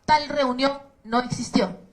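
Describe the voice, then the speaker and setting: A woman's voice: sits high, measured pace, rough recording. A woman defense lawyer with a Peruvian Spanish accent, arguing formally in a courtroom and laying out her points one by one with insistence.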